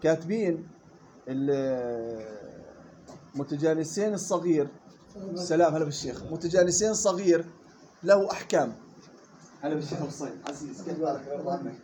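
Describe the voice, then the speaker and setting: A man teaching Quran recitation rules. He models the words slowly and quizzes his students. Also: on the high side, mellow, slight background noise. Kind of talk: tajweed lesson.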